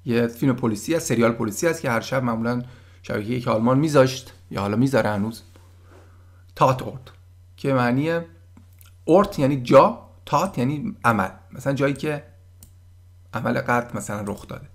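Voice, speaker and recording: A man giving a casual German lesson, patiently explaining words and sounding them out slowly. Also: mid-range voice. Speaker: German language teacher.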